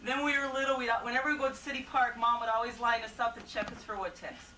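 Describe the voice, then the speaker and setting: A woman's voice: a little high, flat delivery, fast, pushed and bright. A woman reading childhood stories aloud to her family, often laughing as she tells them, heard on an old VHS home video. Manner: laughing often through the telling. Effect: old VHS home video sound. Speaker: family member sharing memories. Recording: hissy, distant, roomy home video tape.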